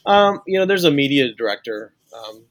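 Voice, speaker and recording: A man's voice: mid-range voice, very animated, moderate pace, no echo. A man from St. Louis, a sportswriter guest on a casual podcast, talking earnestly and restarting his sentences as he thinks aloud. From St. Louis, USA.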